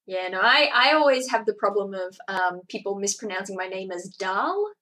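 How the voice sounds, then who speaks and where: A woman's voice: mid-range voice, lively intonation, pushed and bright. A woman with an Australian accent, co-hosting a casual film-discussion podcast with chatty, laughing asides. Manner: chatty, quick to laugh, lots of "like". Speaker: podcast co-host.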